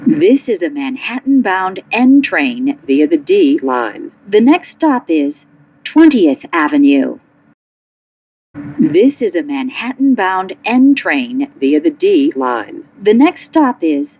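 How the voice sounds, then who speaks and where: A woman delivers a recorded subway announcement in a lowish voice with animated, swinging pitch. Her phrases are formulaic and slow, coming muffled through a train speaker with faint noise. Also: husky.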